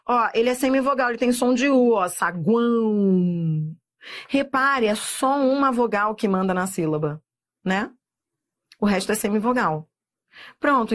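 A woman teaching Portuguese grammar in a video lesson, lively and emphatic, drawing out example words and checking in with the viewer. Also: mid-range voice. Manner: asks rhetorical checks to the viewer.

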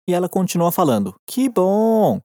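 A woman with a Brazilian Portuguese accent teaching Japanese in a recorded lesson, patient and encouraging, slowing down to model each phrase. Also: lowish voice, big pitch swings, warm tone, dry recording, studio quality.

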